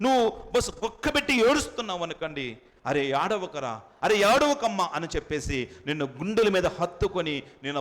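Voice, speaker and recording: A male pastor preaching a sermon emphatically, repeating phrases and swinging between loud high bursts and soft low drops. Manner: emphatic preaching with sudden rises and drops in pitch and loudness. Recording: long hall reverb.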